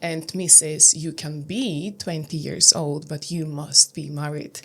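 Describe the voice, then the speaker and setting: A woman's voice: deep voice, fairly even intonation, measured pace, husky. A woman in her thirties from Lithuania with a Lithuanian accent, speaking English as a second language in an interview, hesitant with many fillers. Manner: hesitant, many fillers, non-native grammar. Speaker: guest, pageant titleholder. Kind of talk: interview answers.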